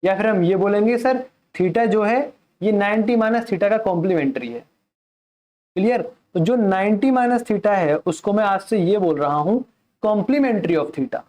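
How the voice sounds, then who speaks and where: A man's voice: sits high, unhurried, a little mellow. A male math teacher giving a classroom lecture who mixes English terms into his Hindi and keeps asking questions and then answering them himself.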